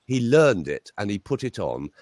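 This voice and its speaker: Over a video call, a male voice coach shares lively stories in a relaxed interview chat. He speaks at normal speed in a fairly low voice, and the audio carries no room sound.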